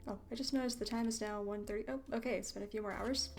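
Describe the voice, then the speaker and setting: Soft-spoken woman gamer, faint music. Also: on the high side, steady tone, fast. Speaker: gamer playing a visual novel. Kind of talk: casual playthrough commentary.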